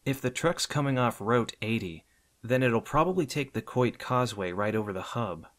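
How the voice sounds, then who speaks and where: A man's voice: medium pitch, lively intonation, normal speed, voice pushed up, lightly acted. A man voicing Robin, a cocky young male sidekick, in an audiobook reading, defiant and wisecracking. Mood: planning. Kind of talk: audiobook character voice.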